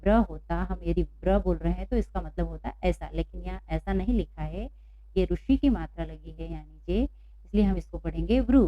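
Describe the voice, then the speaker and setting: A woman's voice: lowish voice, moderate pace. A woman teaching a lesson to children, patiently asking questions and repeating the answers. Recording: dull, dry lo-fi recording.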